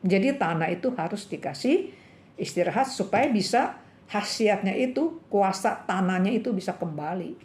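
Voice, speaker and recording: A woman preaching a sermon at a church women's fellowship, telling a story and acting out the characters' cries in a higher voice. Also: normal speed. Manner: lively storytelling, acts out the characters' cries with raised pitch. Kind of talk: bilingual sermon with illustrative story. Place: church meeting room.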